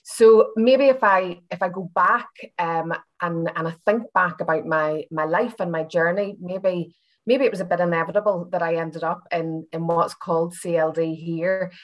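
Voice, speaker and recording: A senior university lecturer from Belfast, Northern Ireland, speaks with a Northern Irish accent in a lowish voice at a moderate pace. As a guest in a casual, reflective personal interview, she's chatty and a little hesitant, circling back with hedges.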